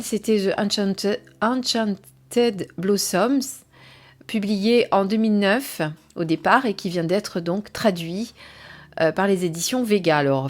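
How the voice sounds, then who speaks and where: A woman presenting and reviewing an oracle card deck in a casual, hesitant way, with frequent fillers and soft whispered asides, reading some passages aloud. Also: mid-range voice.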